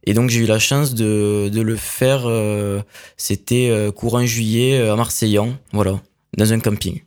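Hesitant low-voiced young man. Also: steady tone, unhurried, darkish tone, clear, resonant tone. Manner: hesitant, many fillers. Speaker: accordionist guest. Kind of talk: casual interview answers.

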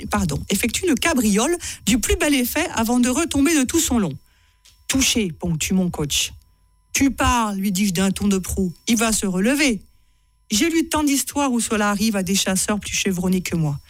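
A woman's voice: on the high side, no echo. A woman author reading excerpts from her own writing to an audience, chatty and self-mocking, often laughing at her own lines.

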